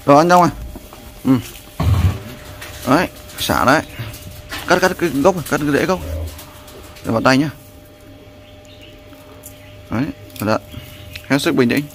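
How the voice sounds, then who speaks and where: A man's voice: on the high side, lively intonation, unhurried, pauses often, fairly bright tone, slight background noise. Rambling man vlogging. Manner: rambling, repeats "there" often, coaching someone. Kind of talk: casual vlog narration and instructions.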